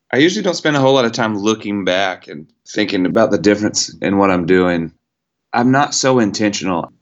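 A man with a low voice, a singer-songwriter guest talking casually and reflectively in an interview, with many "you know"s and "like"s. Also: lo-fi sound. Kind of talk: relaxed conversational interview.

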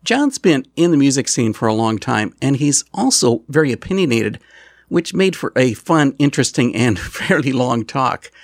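Gravelly-voiced male show host. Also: mid-range voice, sing-song, moderate pace, dry recording, clean studio sound. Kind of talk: scripted introduction and interview.

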